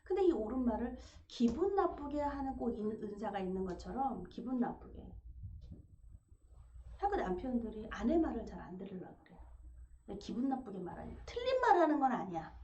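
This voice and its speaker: A woman preaching a sermon, animated, acting out quoted quarrels with sharp rises in her voice. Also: a little high, brisk. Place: church sanctuary. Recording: echoey church room, dull sound, faint noise.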